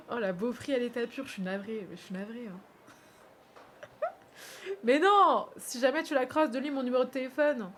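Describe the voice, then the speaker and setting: Woman streamer, high voice; lively, teasing, crude gaming banter. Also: a little hiss or hum. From France. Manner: animated, teasing and crude, laughs often. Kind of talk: casual gaming stream chat.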